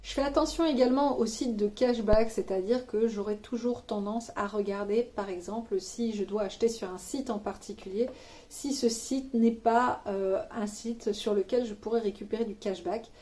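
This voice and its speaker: A woman's voice: mid-range voice, fairly even intonation, normal speed, warm tone. A woman vlogger with children, giving money-saving tips in a casual, informal chat to camera, with slangy asides and teasing humor. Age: adult with children.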